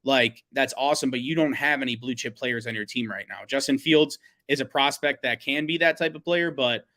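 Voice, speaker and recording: A man's voice: medium pitch, a little fast, sharp tone. Profane, rambling male podcast co-host. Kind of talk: casual sports podcast chat.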